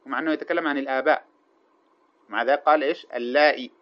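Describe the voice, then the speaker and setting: A man gives a grammar lesson at a brisk clip. He keeps asking his class questions and answering them himself, and he chants the quoted verses slowly. The recording is dull and muffled. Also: mid-range voice, steady tone. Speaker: teacher of Arabic grammar. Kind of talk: classroom explanation of a grammar text.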